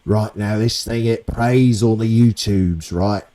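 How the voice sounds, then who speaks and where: A man putting on a bombastic showman voice with a theatrical, drawn-out delivery. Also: lowish voice, lively intonation, dark tone, a little hiss or hum, close to an everyday voice. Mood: hammy. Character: bombastic male showman hunting a beast.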